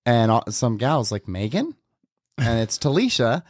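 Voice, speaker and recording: A male podcast host tells stories with animated, chatty energy. His voice sits at an everyday middle pitch. It is recorded dry and close, with no room sound. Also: normal speed, dry recording. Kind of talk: casual podcast chat.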